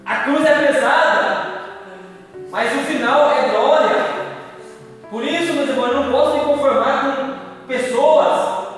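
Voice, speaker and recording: A man's voice: very high-pitched, a little slow, long pauses, fairly bright tone, faint music behind. A man preaching with a Brazilian accent, speaking in a fervent, sing-song cadence to a congregation. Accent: Brazilian Portuguese. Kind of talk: church sermon. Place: large church hall. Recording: echoey hall from far off.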